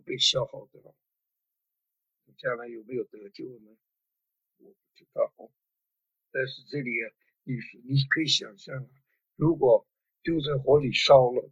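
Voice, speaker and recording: Husky halting male preacher. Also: medium pitch, steady tone, fairly bright tone, dry recording. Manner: halting, many fillers, rhetorical questions. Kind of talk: sermon. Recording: dull lo-fi sound.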